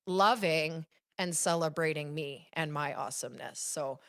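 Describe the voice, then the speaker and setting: A woman, a coach and children's author, talking in a casual, expressive way, often laughing and getting emotional. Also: deep voice, normal speed. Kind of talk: casual conversational interview.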